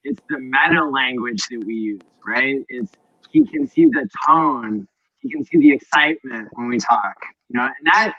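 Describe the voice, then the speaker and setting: A man's voice: mid-range voice, animated, normal speed, pushed and bright, dry recording. Man on a tinny tin-can microphone. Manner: reflective, often adds "right?" as a tag question. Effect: tinny, tin-can-like microphone sound. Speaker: livestream panelist. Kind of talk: casual livestream chat.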